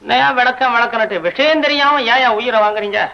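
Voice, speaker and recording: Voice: medium pitch, fairly quick, creaky, lightly acted. A young performer in a school play, acting a poor, desperate male poet who grumbles and wails comically. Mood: grumbling. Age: teens. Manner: comic wailing and grumbling, talks to himself. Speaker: stage actor in a school play. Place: school annual day stage. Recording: dull lo-fi stage recording.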